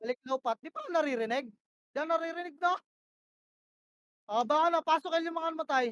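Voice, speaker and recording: Very high-pitched woman calling game plays. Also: brisk, no room sound. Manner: barks short repeated commands, swears when frustrated. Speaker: team shotcaller in a tactical shooter match. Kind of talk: rapid in-game voice comms.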